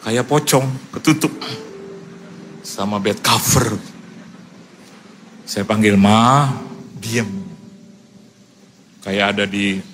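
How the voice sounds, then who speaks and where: A male pastor telling stories in a humorous sermon, in a casual, lively way, acting out other people's voices. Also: fairly low pitch, slow, pauses often, a little hiss or hum. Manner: lively, acts out quoted voices; casual colloquial speech with fillers.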